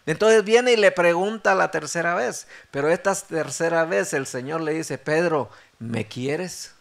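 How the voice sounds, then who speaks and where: A middle-aged man preaching a sermon as pastor, acting out the dialogue with animated delivery. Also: a little high, moderate pace, vocal fry.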